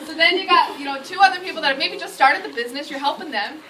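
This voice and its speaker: A woman presenting to a live audience at a sales event, energetic and rallying, checking in with "okay?" again and again. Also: sits high, very fast. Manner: energetic, rallying the crowd, keeps asking "okay?". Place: indoor meeting room with an audience. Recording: echoey room, distant mic, noisy.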